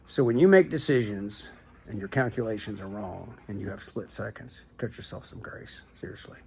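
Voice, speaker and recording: A middle-aged man talking casually to camera in a calm, unhurried, folksy way, like a plain-spoken motivational teacher. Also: lowish voice, creaky. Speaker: video host and teacher. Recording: some background noise.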